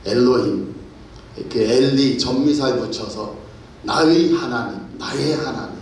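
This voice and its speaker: A man preaching a sermon as pastor, telling a personal story that builds into loud, fervent preaching. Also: medium pitch, unhurried, slight background noise. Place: church sanctuary. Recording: very echoey hall, mic at a distance.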